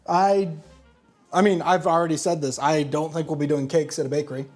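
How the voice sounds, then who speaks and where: A woman with a fairly low, mellow voice trades wry, matter-of-fact remarks while baking. Her tone stays dry and casual over soft background music. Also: fairly even intonation, brisk. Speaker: home baker, co-host. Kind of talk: casual kitchen chat. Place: home kitchen.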